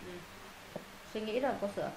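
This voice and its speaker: A woman teaching an English lesson to her students, walking them through answers and firing quick questions to check they follow. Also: mid-range voice. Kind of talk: classroom lesson explaining answers. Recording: roomy echo, faint noise.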